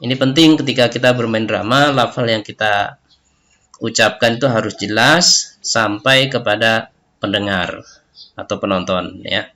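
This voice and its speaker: Bright-voiced male teacher, patient. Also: lowish voice, normal speed, long pauses. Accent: Indonesian. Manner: patient, explains step by step, tags sentences with "ya". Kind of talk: recorded class lesson.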